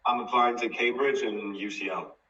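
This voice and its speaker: A man's voice: medium pitch, normal speed, pushed and bright. A teenage boy co-hosting a casual chat, teasing and laughing often. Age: late teens. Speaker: co-host. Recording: roomy, distant, dull sound.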